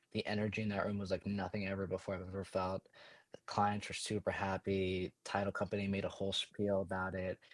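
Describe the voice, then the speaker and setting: A man in his twenties, a podcast guest, telling his story in a quick, energetic way full of fillers. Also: low-pitched, no echo. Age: 20s. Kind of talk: casual storytelling.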